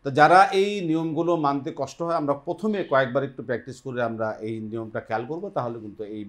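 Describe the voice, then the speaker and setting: A man with a Bengali accent leads a Quran recitation class for television. His voice sits at a middle pitch for a man. He models each sound slowly and has his students say it back. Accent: Bangladeshi Bengali. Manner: patient teaching, models pronunciation and has the class repeat it. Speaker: Quran recitation teacher and host. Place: television studio.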